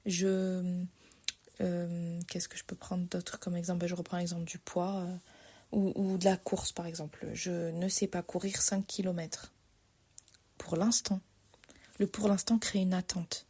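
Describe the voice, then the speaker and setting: A woman's voice: fairly low pitch, flat delivery, unhurried, mellow, husky. A young woman hosting a solo motivational podcast, reflective, repeating key phrases and correcting her own wording. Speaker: podcast host.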